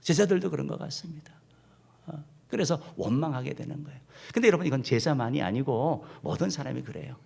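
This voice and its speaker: A man's voice: a little high, vocal fry. A man, a senior pastor, preaching a sermon and speaking directly to his congregation, now and then leading them in reading aloud. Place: church sanctuary.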